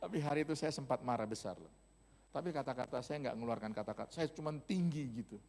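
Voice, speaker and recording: A man's voice: mid-range voice, animated, fast, gravelly, a little mellow, a little hiss or hum. A male pastor preaching a sermon, telling stories in a humorous, casual, slangy way. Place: church hall. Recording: long church-hall reverb.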